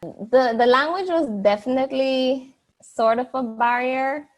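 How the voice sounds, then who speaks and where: Answering interview questions as a guest, a young woman from Jamaica talks in a chatty way, full of fillers and restarts. She has a high voice and an unhurried pace.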